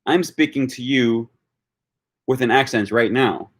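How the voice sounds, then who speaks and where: Answering live chat on his stream, a language-learning YouTuber from Wisconsin talks casually in an unhurried, mid-range voice with a Wisconsin accent. He thinks aloud, with frequent fillers and restarts as he responds to viewer comments.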